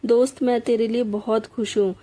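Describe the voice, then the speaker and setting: A woman's voice: a little high, level tone, normal speed, warm tone, lightly acted. A woman reading a Hindi storybook aloud, voicing an eager, emotional young man who is the hero's loyal friend. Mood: excited.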